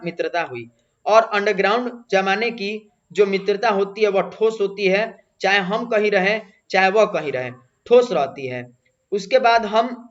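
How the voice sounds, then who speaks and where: A man with a fairly high voice teaches a textbook chapter, retelling each passage in his own words and then going over it again for students. The recording is dull and lo-fi. He keeps stopping to mark what will come up in the exam. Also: a bit bright. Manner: paraphrases then repeats exam points. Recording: dull lo-fi sound.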